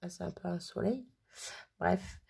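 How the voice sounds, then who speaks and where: Husky woman vlogging about crafts, gushy, keeps stumbling over her words. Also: fairly low pitch, a little slow, darkish tone. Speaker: crafting vlogger showing mail she received. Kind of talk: casual chat.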